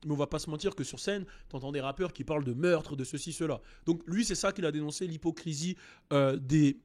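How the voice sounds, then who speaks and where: A man hosting a casual rap commentary, animated and digressive, jumping into raised voices to act out what people said. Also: a little high, fairly quick. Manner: digressive and joking. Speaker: host.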